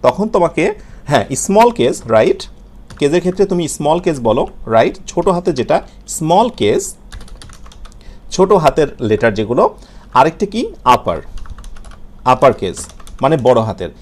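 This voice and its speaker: Lively Bengali-accented man teaching English letters. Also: on the high side. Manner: repeats sounds slowly, asks and answers his own questions. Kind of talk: video lesson on English letters and pronunciation.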